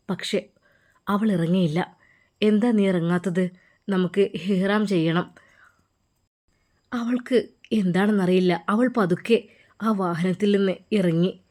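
A woman narrating a religious story in an unhurried, emotive way, with dramatic asides. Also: mid-range voice.

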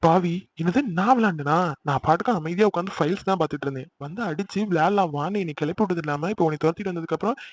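A man's voice: on the high side, racing, hardly any pauses, natural voice. A man voicing a playful, defensive older brother in a cartoon. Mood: grumbling. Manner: grumbling, defensive. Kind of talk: cartoon voice acting. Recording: slightly dull lo-fi sound.

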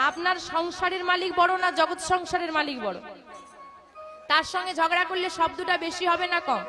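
Woman kirtan singer, very high voice, playful teasing manner, live music and crowd behind. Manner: playful, teasing and coaxing the audience. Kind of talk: devotional kirtan with call-and-response. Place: live devotional gathering.

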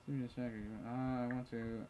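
This is a male let's play host with a monotone, medium-pitched voice at a moderate pace. He casually commentates a chat game, reading messages aloud, muttering asides, and swearing freely. The recording is muffled and very noisy, with loud keyboard clicks and typing behind him.

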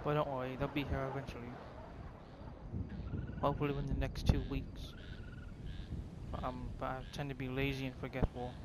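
A young man gives casual commentary over a video game in a mid-pitched voice, saying w for r. He puts himself down as he goes. Loud helicopter and vehicle noise sits behind his voice. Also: monotone, normal speed, long pauses. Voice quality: speech impediment, says w for r. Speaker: gaming video creator.

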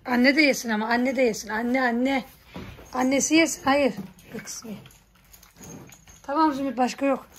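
A woman vlogging in a village, coaxing and scolding her farm animals and talking softly to viewers. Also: sits high, fairly even intonation, normal speed, long pauses, slight background noise. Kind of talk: casual vlog talk to animals and viewers. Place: village garden and barn, outdoors. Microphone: phone camera.

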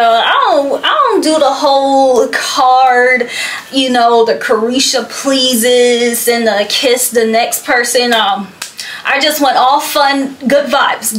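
A woman's voice: sits high, a bit bright, echoey room, a little hiss or hum, low-quality recording. A young woman vlogging casually to camera, rambling and chatty with plenty of fillers. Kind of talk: casual vlog chat to camera.

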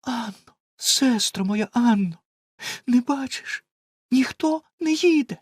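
A man's voice: sits high, a little slow, no room sound, studio quality, pitched above the performer's own voice. A man voicing a frightened young wife in a storybook reading, raising his voice into a pleading, tearful tone. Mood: desperate.

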